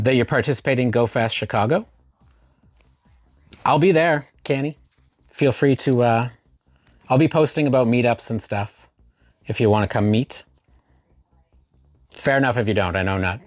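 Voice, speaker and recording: A man's voice: medium pitch, moderate pace, pauses often, no echo, clean studio sound. Man hosting a live stream chat. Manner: greets chat viewers by name and spells out commands.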